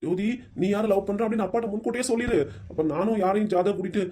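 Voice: mid-range voice, steady tone, racing, slight background noise, lightly acted. A performer voicing a hot-tempered scolding father. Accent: southern Tamil. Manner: scolding, shouting, then weeping. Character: strict, hot-tempered middle-aged father, tearful.

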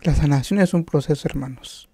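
A man preaching a sermon, slow and emphatic, with rhetorical questions and frequent restarts. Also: a little high, warm tone, slightly rough, no echo, studio quality.

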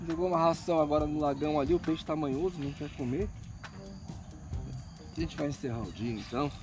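A man with a Brazilian Portuguese accent, talking in a slightly high voice on an outdoor fishing vlog. He gives chatty play-by-play and gets loud and excited whenever a fish is fighting. Light music plays under his voice, picked up by an action camera at the lakeside. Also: fast. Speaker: fishing show host. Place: outdoors by a lake.

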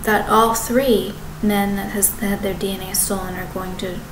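A vlogger in her thirties rambles to her webcam from her apartment living room, with the kitchen visible behind her. Her mid-range voice holds a steady tone, though she halts often, restarting and correcting herself. The desk-distance webcam picks up an echoey room and some background noise.

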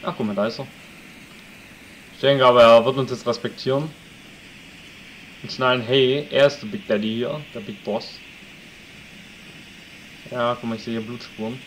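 A man's voice: medium pitch, steady tone, moderate pace, pauses often, slight background noise, poor audio. A man casually commenting on a survival game he plays, joking and talking to his viewers. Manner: chatty, jokey, talks to the audience, shouts at wolves. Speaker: let's play commentator.

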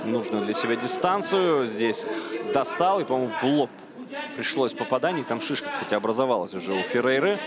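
A man's voice: medium pitch, expressive, fairly quick, a loud crowd. A man giving live fight commentary.

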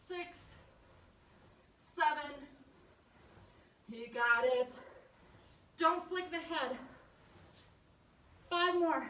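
A woman aerobics instructor leads a home workout in a high voice. She takes her time, counting reps and giving short, encouraging commands. She sounds some way from the mic in a roomy, echoey space. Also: sharp tone, a little hiss or hum. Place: carpeted room at home. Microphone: distant camera microphone across the room. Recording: roomy echo, far from phone camera.

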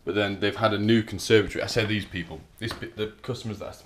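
A man's voice: fairly low pitch, fairly even intonation, fast, a little hiss or hum. A man, an electrician, chatting casually and dryly as he explains his work in a house. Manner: chatty, dry, explains as he works. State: out of breath at times. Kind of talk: casual work vlog narration. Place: house being rewired, indoors.

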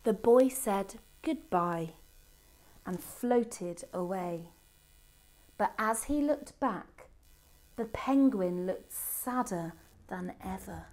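A middle-aged woman reading a children's storybook aloud expressively, with deliberate dramatic pauses. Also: mid-range voice, animated, a little mellow. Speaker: storybook reader. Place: indoor room by a Christmas tree. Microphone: camera a short distance away.

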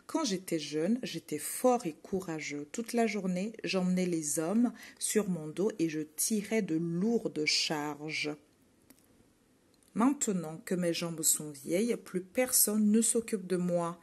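A woman voicing a weary old male horse in a storybook, telling his tale sadly with a slightly husky, lowish voice. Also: darkish tone. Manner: sighing, sorrowful storytelling.

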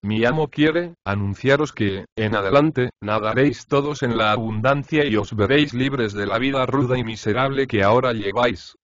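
A man's voice: mid-range voice, moderate pace, dry recording, muffled recording, lightly acted. A man voicing a brash, mocking male house slave in an audiobook of a comic play. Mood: taunting. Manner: cheeky, taunting.

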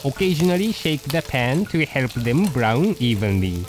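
A man voicing a poodle dog who hosts a cooking show, narrating a recipe in slow, deliberate steps. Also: mid-range voice, sing-song, close to an everyday voice, poor audio. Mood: patient. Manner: slow, deliberate step-by-step instructions.

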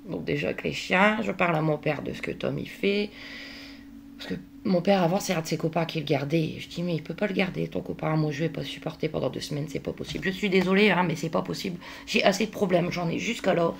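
A woman's voice: on the low side, quick pace, vocal fry. A woman talking casually in a daily vlog, exasperated and worn out, venting with lots of fillers. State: worn out, at the end of her tether. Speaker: vlogger.

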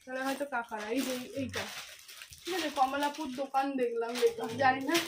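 A very high-pitched woman, out of breath, chats with her viewers in a casual home unboxing vlog. The home recording carries clear background noise. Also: a little fast. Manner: chatty, addressing viewers directly. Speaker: vlogger and mother. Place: home, indoors.

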